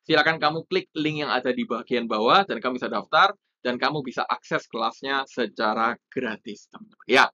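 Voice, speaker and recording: A man teaching copywriting in a casual explanatory way, with lively emphasis on key points. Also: medium pitch, normal speed, muffled recording. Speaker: copywriting instructor.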